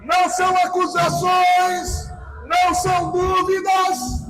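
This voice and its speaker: A Brazilian man preaching a sermon in a church, fervently shouting and leading the congregation in repeated declarations. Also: very high voice, monotone, slow, music in the background, low-quality recording. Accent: Brazilian Portuguese. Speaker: pastor. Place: large church sanctuary.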